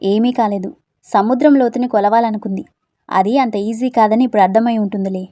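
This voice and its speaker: A cocky young rowdy with a teasing, self-assured swagger, as a woman storyteller puts him on. The voice is warm and mellow and sits a little high. It is recorded close and dry, with no room sound. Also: fairly even intonation, brisk, dry recording, lightly acted. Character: cocky young man, bold brash romantic rowdy.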